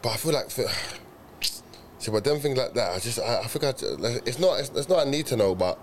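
A young man with a voice of ordinary male pitch. He rambles and agrees along in easygoing slang, in a casual podcast chat, with a faint noise in the background of the recording. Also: expressive, brisk.

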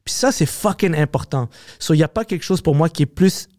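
A man with a Québécois French accent, a comedian talking as a podcast guest, animated, swearing often and slipping into English. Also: a little high, fairly quick, no room sound, studio quality. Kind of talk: casual podcast conversation.

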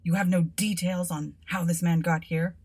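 A brusque, impatient male constable who barks his questions loudly and curtly, as a woman reader puts him on. He sounds commanding and short-tempered. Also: lowish voice, little pitch movement, moderate pace, husky.

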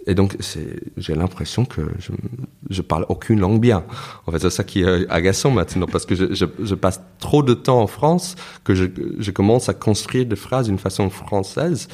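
A man from the United States talks through his experiences in a very low voice, his French carrying an American accent. He tells stories in a reflective, halting way, often stopping and restarting his sentences as an interview guest. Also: a little mellow. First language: English. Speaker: guest, author. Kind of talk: casual interview conversation.

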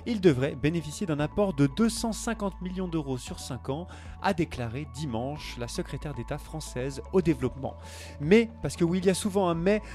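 A man presenting a radio news bulletin in a brisk, upbeat way, his voice sitting fairly high for a man. Faint music plays beneath him. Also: a little mellow. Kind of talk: scripted radio news reading.

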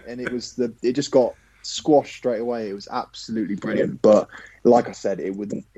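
A man, a professional footballer, telling a lively anecdote as a podcast guest, casually swearing now and then. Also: fairly low pitch, normal speed, husky, no room sound, dull audio.

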